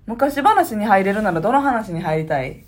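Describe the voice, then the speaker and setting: Playful Kansai woman with an animated voice. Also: mid-range voice, moderate pace. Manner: playful, goofy asides. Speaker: comedy duo radio co-host. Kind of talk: casual chat.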